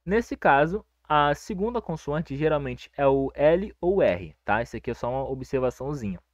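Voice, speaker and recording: A man's voice: on the high side, moderate pace, no echo. Brazilian guy explaining grammar, chill and reassuring, dry dull lo-fi sound. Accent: Brazilian Portuguese. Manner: relaxed and reassuring, checks in with listeners constantly. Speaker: teacher. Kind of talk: casual grammar lesson.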